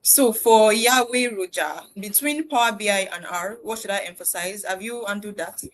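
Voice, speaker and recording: A woman's voice: mid-range voice, normal speed, low-quality recording. Woman moderator reading out questions. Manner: reads audience questions aloud, hesitant. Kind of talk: live online Q&A session. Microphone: video call.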